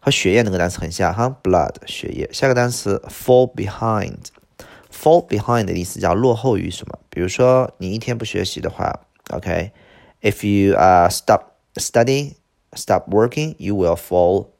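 A middle-aged male teacher working through an English vocabulary list with a low, gravelly voice. He stumbles over filler words and drags each new word out slowly, over and over. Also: darkish tone. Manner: lots of "这个" filler, drawn-out slow repeats of words. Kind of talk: vocabulary lesson.

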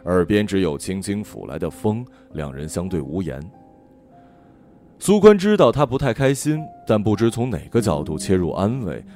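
Low-voiced, expressive male storyteller. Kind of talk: audiobook narration. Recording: faint background music.

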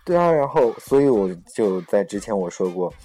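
A man's voice: on the low side, sing-song, normal speed, warm tone. A young man hosting a casual chat show, talking hesitantly with many fillers and self-corrections. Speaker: host. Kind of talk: casual chat on a podcast-style program.

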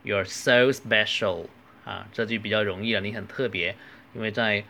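Guy w a cantonese accent teaching english lines, slow careful model phrases, bright lowish voice. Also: level tone, gravelly, slight background noise. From southern China. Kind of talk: language lesson.

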